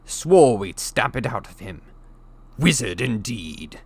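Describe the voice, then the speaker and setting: A man voicing an angry, stubborn middle-aged uncle in a storybook reading, gruff, dismissive and emphatic. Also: mid-range voice, very animated, slow pace, voice pushed up, full character voice. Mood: indignant. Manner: indignant, emphatic. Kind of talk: storybook character voice in an audiobook reading.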